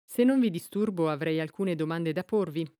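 A woman's voice: on the low side, normal speed, mellow, no echo, studio quality, close to an everyday voice. A woman doing an officious village constable. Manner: official, formal.

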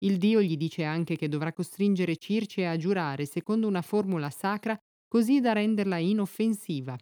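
A woman narrator reading epic poetry aloud in a measured, steady, formal manner. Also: mid-range voice, no echo, studio quality.

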